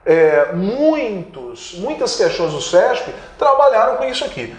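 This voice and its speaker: His voice sits high and swings widely in pitch, a little slow, echoing around the room. The man, who has a Brazilian accent, teaches online grammar for exam preparation, emphatically elongating key words and asking questions only to answer them himself.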